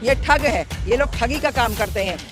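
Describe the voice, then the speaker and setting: A woman's voice: on the high side, expressive, moderate pace, music in the background. A woman answering a street interview outdoors, emphatic and indignant, often asking "right?" as she makes her points.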